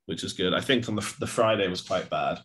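Low-voiced man chatting about football. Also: brisk, fairly bright tone. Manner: rambling with frequent restarts and fillers. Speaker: podcast co-host. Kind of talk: casual football chat.

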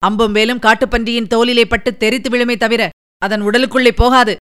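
A woman's voice: on the high side, fairly even intonation, fairly bright tone, clear, resonant tone, natural voice. A woman reading aloud voices a fearful young nobleman who hurries through anxious, pleading warnings. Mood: alarmed. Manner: urgent, rapid warnings.

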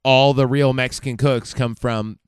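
Podcast co-host, man from California, crude rambling storyteller, mid-pitched, close dry mic. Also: fairly even intonation, moderate pace, smooth, no echo. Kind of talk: casual crude podcast banter.

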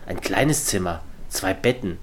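A man narrating a scripted horror story in a calm, measured way. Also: low-pitched, slight background noise.

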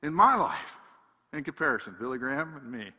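A man preaching a sermon, emphatic, swinging between loud passages and hushed ones. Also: mid-range voice, big pitch swings, brisk, breathy edge, big-room sound.

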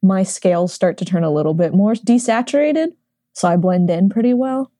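A woman's voice: mid-range voice, animated, moderate pace, dark tone, no echo, clean studio sound. A woman playing in a tabletop game, casually describing what her character does. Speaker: player.

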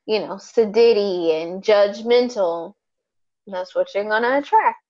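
A woman's voice: mid-range voice, unhurried, lo-fi sound. Rambling, frank woman in her thirties. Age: 30s. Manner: rambling, frank, swears, many fillers. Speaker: podcast co-host. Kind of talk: casual chat.

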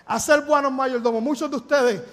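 A middle-aged Puerto Rican pastor preaching with an unusually high voice for a man. His Puerto Rican Spanish accent carries through an earnest, emphatic sermon delivery. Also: steady tone, normal speed, a bit bright, faint music behind. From Puerto Rico.

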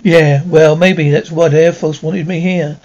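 High-voiced man acting out stumbling military drama characters. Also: fairly even intonation, measured pace, darkish tone, muffled recording, close to an everyday voice. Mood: argumentative.

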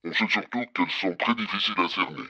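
An older man speaking through a voice changer that pushes his voice deep and disguised, giving short, guarded, wry answers as a mystery guest on a radio game. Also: fast talker, sharp tone, highs cut off. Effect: voice changer lowering the pitch into a deep disguised voice.

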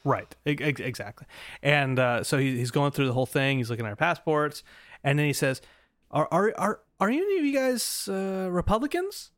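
This podcast co-host from the United States rambles through a travel story, laughing and restarting often in a casual storytelling chat. His voice is a little high and sing-song at a moderate pace, slightly bright, captured with clean studio sound and no room sound.

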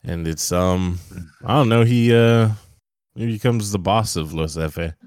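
A young podcast co-host chats about movies in a laid-back, profane, rambling way. His very low voice is smooth, resonant and darkish, a little slow. The recording is close and dry, with no room sound or echo.

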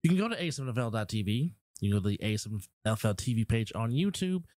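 A man's voice: medium pitch, sing-song, fast talker, a little mellow, no room sound, clean studio sound. A man co-hosting a sports podcast, reading off viewing options in an upbeat, promotional way. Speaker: podcast co-host. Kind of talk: casual podcast talk.

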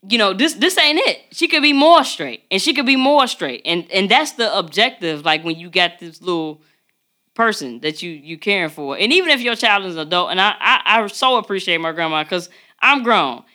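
An animated woman co-hosting a podcast, chatting casually and laughing often. Her voice is bright and forward, with a lively, forceful edge. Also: medium pitch, normal speed. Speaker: podcast co-host. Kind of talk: casual chat. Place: podcast studio.

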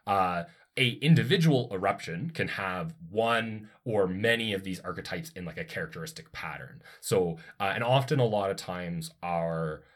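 A man's voice: deep voice, expressive, normal speed. A man co-hosting a casual educational chat, explaining science with enthusiastic, digressive asides. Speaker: podcast co-host explaining science.

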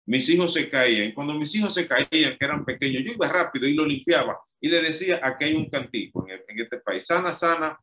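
A man's voice: on the high side, expressive, brisk, few pauses, sharp tone. A man preaching an emphatic, repetitive sermon. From Dominican Republic.

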